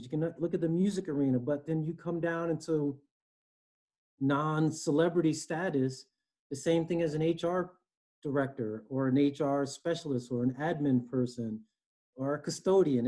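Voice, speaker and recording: A man in his forties from Connecticut, with an East Coast American accent, appears as an HR director guest in a conversational interview over video call from a room at home. He speaks earnestly, often checking in with "you know" and "right?", in a slightly high voice with a dark tone.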